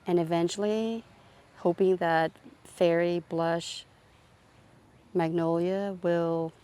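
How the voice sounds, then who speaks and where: A woman calmly narrating a casual tour of her home garden outdoors, explaining her plants as she walks. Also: fairly low pitch, takes it slowly, smooth. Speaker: gardening vlogger.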